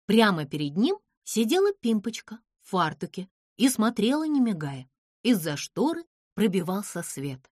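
A woman narrating a children's audiobook in a slow, expressive storytelling manner. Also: mid-range voice, no room sound, studio quality.

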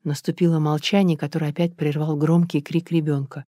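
Audiobook narrator reading a story, medium pitch, really dry close sound, no room. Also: flat delivery, fairly quick, dark tone, no echo.

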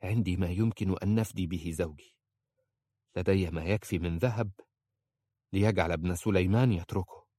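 A man's voice: low-pitched, brisk, long pauses, warm tone, no room sound, studio quality. A man voicing a desperate young wife who pleads urgently for her husband's life. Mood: determined.

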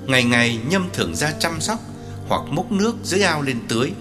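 A man narrating an audiobook in scripted narration with an expressive delivery. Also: a little high, a little fast, over music.

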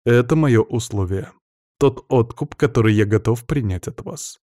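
A man's voice: mid-range voice, expressive, moderate pace, mellow, dry recording, studio quality, lightly acted. A man voicing a young aristocratic heir who speaks coolly, with control and firm demands. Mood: cold. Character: young male aristocrat heir, cold and self-assured.

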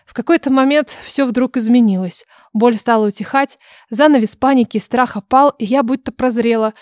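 A woman narrating a story in first person, reading in an expressive, dramatic way. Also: fairly high pitch, normal speed, no room sound, clean studio sound. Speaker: audiobook narrator.

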